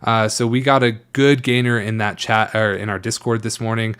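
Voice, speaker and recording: A man's voice: lowish voice, flat delivery, moderate pace, a bit bright, clear, resonant tone. Casual man co-hosting a livestream. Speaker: livestream co-host. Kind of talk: casual livestream sales pitch and chat.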